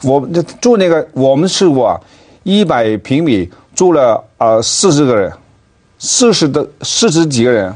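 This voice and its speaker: A middle-aged or older man from Hong Kong with a Cantonese accent, recalling things in casual discussion and often repeating words haltingly. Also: medium pitch, very animated, darkish tone. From Hong Kong, born in Guangzhou. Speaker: panel guest. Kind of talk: casual discussion, personal recollection.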